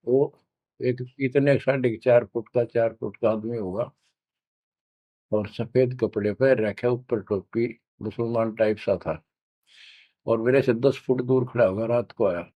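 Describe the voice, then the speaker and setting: Slow preacher, dull dry sound. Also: male voice, medium pitch, dry recording. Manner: earnest, chanting verses slowly. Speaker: devotional preacher. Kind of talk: devotional storytelling sermon.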